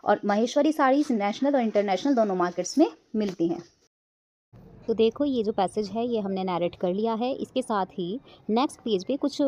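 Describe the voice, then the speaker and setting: A woman teacher explaining a school textbook lesson, mixing Hindi and English and reading English lines slowly before explaining them. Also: mid-range voice, mellow, lo-fi sound.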